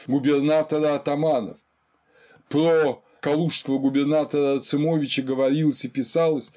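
A man giving a history lecture in a measured way, reading quotations aloud within it. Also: fairly high pitch, darkish tone.

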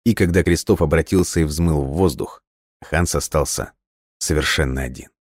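A man narrating an audiobook in a steady storytelling read. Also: extremely low pitch, moderate pace, no echo, studio quality.

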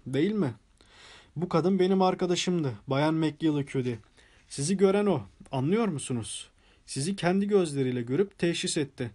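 A man voicing an elderly, sharp-witted spinster detective who speaks gently and politely in an audiobook. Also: fairly high pitch, lightly acted.

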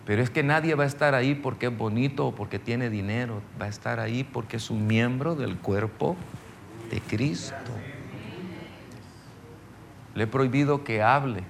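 A man's voice: medium pitch, normal speed, vocal fry, long pauses. A middle-aged man, teaching a ministry seminar in a folksy, conversational sermon style, telling stories and checking that listeners follow.

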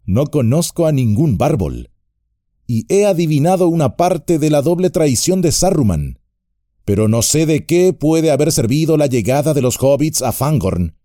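A man's voice: medium pitch, very animated, moderate pace, mellow, dry recording, clean studio sound, voice pushed up, natural voice. A man voicing a grave, earnest male ranger warrior in an audiobook, speaking in a raised, searching tone.

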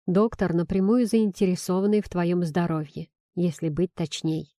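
A woman reading a romance audiobook, voicing a confident, coaxing male doctor in a soft, hushed tone. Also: lowish voice, moderate pace, dry recording, studio quality, natural voice. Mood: tender coaxing.

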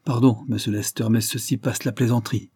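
A man voicing a proud young gentleman who is accused of a crime and answers in a calm, measured way, in an audiobook reading. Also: medium pitch, breathy edge, no echo, studio quality, close to an everyday voice.

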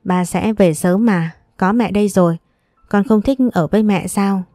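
A woman voicing a gentle young mother who talks softly and patiently to her son in an audiobook story. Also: mid-range voice, fairly even intonation, normal speed, dry recording, studio quality, faint music behind, lightly acted. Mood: tender. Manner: soft, patient and tender. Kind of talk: audiobook character dialogue.

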